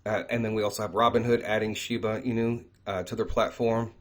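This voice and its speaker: A man's voice: on the low side, level tone, a little fast. A man hosting an online talk, speaking conversationally with many fillers and frequent "right?" check-ins. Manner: reads quoted prophecies aloud. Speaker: crypto channel host. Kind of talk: casual talk to camera.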